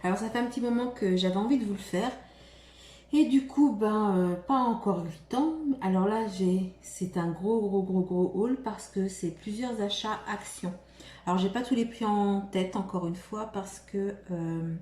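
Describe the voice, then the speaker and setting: Mellow-voiced woman chatting in a roomy echo. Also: medium pitch, slight background noise. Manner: hesitant, full of fillers and restarts. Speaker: vlogger showing shopping haul. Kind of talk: casual haul vlog chat. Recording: roomy echo, faint room ambience.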